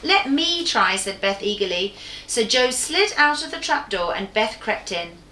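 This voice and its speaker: A woman teacher reading a storybook aloud to young children with clear, lively storytelling. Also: medium pitch, normal speed, a little hiss or hum. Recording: echoey room.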